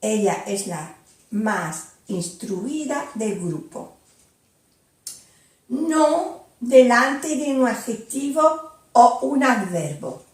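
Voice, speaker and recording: Slow-speaking older woman teaching patiently. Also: fairly high pitch, expressive, darkish tone. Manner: patient, repeats example phrases slowly. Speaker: language teacher. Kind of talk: slow explanatory lesson. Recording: echoey room, voice from a distance.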